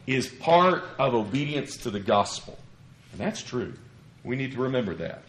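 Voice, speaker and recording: A man preaches an expository sermon, earnest and measured, explaining as he goes and asking rhetorical questions. A lingering cough leaves his slightly bright, medium-pitched voice a bit scratchy. He stands at a church pulpit in a spacious interior, and the recording echoes.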